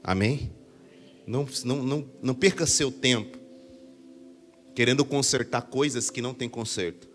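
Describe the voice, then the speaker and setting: A middle-aged Brazilian man preaching a sermon in church as pastor, lively and joking, sometimes shouting for emphasis. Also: mid-range voice, normal speed, long pauses, soft background music. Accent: Brazilian Portuguese. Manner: animated preacher, jokes with the crowd, shouts for emphasis. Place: church sanctuary.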